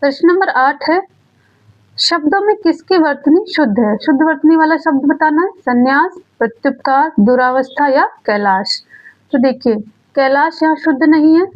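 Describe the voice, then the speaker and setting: A woman teaching an exam-prep grammar lesson, asking questions and answering them herself, repeating key words slowly. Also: high-pitched. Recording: dull lo-fi sound.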